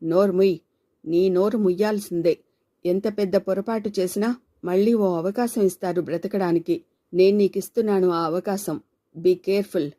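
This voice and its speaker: A stern, blunt middle-aged man from a storybook, firm and scolding, read in a woman's own low, mellow voice. He speaks plainly and means every word. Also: fairly even intonation, moderate pace, close to an everyday voice. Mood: angry.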